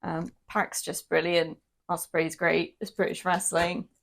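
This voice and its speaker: A woman's voice: on the low side, flat delivery, a little slow, gravelly. A Welsh woman co-hosting a casual wrestling reaction chat, recapping matches with plenty of ums and laughs. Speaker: co-host.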